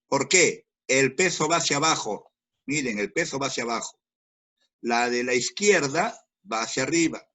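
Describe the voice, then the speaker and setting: A man's voice: medium pitch, normal speed, sharp tone. A man teaching a physics class online, explaining step by step, repeating key words and speaking directly to his students.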